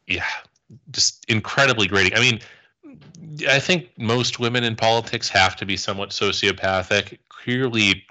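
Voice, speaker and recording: Deep, bright-edged sardonic man. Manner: sardonic, mocking, quick quips. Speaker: podcast co-host. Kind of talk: casual political chat.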